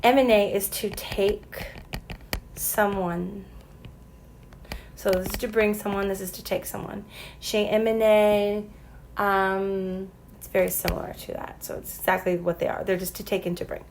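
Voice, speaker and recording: A woman's voice: mid-range voice, little pitch movement, a little slow, gravelly, a little hiss or hum, poor audio. A woman teaching a French lesson, explaining patiently, spelling words out letter by letter and sounding out example sentences. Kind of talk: recorded classroom lesson.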